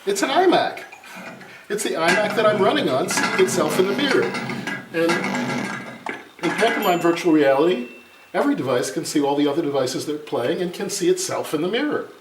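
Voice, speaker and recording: A man with a high, animated voice talks a little fast while showing off a product in a casual live tech demo, full of exclamations and distracted asides. The audio comes from a distant mic in a noisy, echoey room with clattering.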